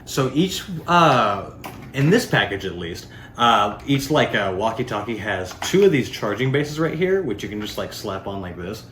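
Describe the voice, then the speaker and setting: This product reviewer's voice sits on the low side and sounds a bit bright, with a sing-song lilt at a moderate pace. He demonstrates a product casually and off the cuff, rambling and dropping plenty of filler words. Faint noise and echo fill the room.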